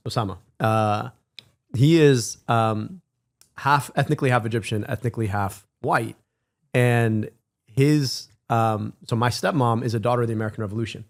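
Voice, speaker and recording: A man in his thirties from Michigan, giving animated casual commentary on a clip and repeating words as he gets going. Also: medium pitch. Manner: animated, emphatic, repeats words when excited. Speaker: stream co-host reacting to clips.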